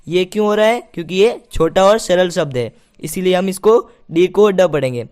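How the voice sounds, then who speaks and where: A man gives a patient pronunciation lesson in a high, smooth, clear voice. He repeats each point and then asks it back to the listener as a question. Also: normal speed, a little mellow. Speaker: English pronunciation teacher. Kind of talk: spoken lesson.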